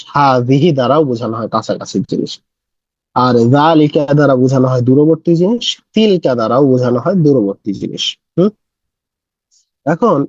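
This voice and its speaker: A man teaching a casual Arabic lesson, patiently explaining and repeating words slowly. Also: fairly high pitch, a little mellow, no echo, muffled recording. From Bangladesh. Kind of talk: casual spoken language lesson.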